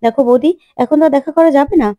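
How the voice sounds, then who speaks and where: A woman voicing a practical young sister-in-law calming the family. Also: high voice, fast, natural voice. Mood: soothing. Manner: soothing, pleading.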